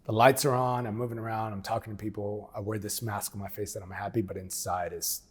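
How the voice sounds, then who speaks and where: Fairly low-pitched and slightly rough, a man in his forties, formerly a military operator, shares his story in an interview at a fairly quick clip with a level tone. He is blunt and often acts out past exchanges.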